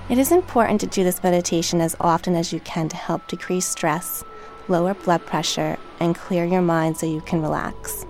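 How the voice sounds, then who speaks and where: Woman, lowish voice, gravelly fry, calm guided meditation narration, gentle and measured, soft music behind. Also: slight background noise. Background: relaxation track with music, dolphin and water sounds.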